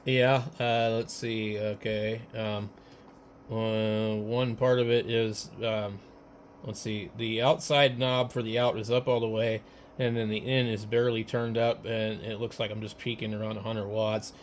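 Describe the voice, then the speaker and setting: Low-leaning and unhurried, the man's voice carries a casual, somewhat tentative tone as he operates his ham radio. He changes between hand mics, and a steady background noise runs under the noisy setup.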